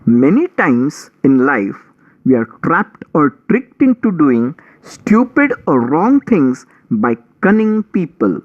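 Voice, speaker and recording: A man reading a story as an audiobook narrator, with theatrical, deliberate phrasing. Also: on the high side, dull audio.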